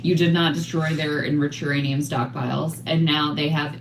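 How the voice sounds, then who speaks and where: A woman's voice: sits low, little pitch movement, normal speed, echoey room, slight background noise, low-quality recording. A woman in casual political chat, scathing and emphatic as she lays out her analysis.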